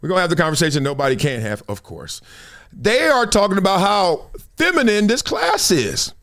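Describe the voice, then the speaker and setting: Very animated and brisk, this high-pitched, fairly bright-toned host is a middle-aged American man from South Central Los Angeles. He fills his show with slangy jokes, casual commentary and storytelling.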